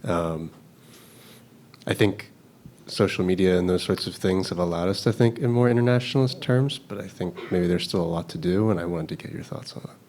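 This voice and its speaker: A man in the audience asks a tentative, polite question. His voice is very low. A faint noise sits behind him. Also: fairly quick, a little mellow. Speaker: audience member asking a question.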